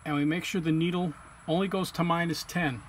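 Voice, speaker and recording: This technician speaks briskly in a steady voice on the high side, showing how to calibrate equipment. He keeps the tutorial informal and plain, moving step by step, while a hum or ambient noise is clearly heard behind him.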